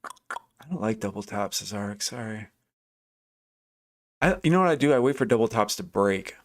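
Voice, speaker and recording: Fairly low in pitch but with lively intonation, the man talks at a moderate pace on his live trading stream. He thinks aloud, stays chatty, restarts lines, and reads chat names while responding to viewers.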